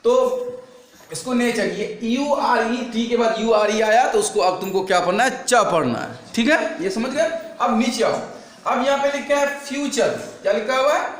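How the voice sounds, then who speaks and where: A man teaching a classroom lesson, spelling words out slowly and drilling his students with repeated questions. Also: very high-pitched. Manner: slow, drawn-out spelling. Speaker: English teacher. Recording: echoey room with faint noise.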